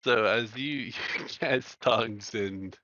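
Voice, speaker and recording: A man running a tabletop game as game master, narrating in a relaxed way and chuckling along with the players. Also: lowish voice, slow, no room sound. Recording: dull lo-fi dry mic.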